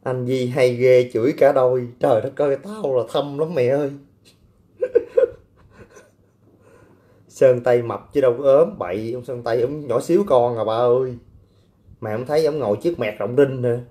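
A man's voice: medium pitch, brisk, dark tone. A man hosting a casual livestream, reading viewer comments with brash, teasing, coarse banter. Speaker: livestream host.

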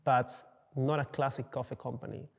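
Interviewed indoors in a dark studio, a gravelly-voiced young coffee entrepreneur from Peru gives casual answers, hunting for words amid many fillers and restarts. His pitch is medium with little movement, and he speaks at a moderate pace.

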